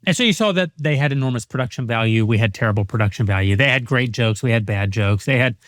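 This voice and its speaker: A man with a mid-range voice builds his argument in a measured way, speaking in full sentences. His voice is recorded dry and close, with no room echo. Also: mid-range voice, fairly bright tone. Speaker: panelist. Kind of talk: casual panel discussion.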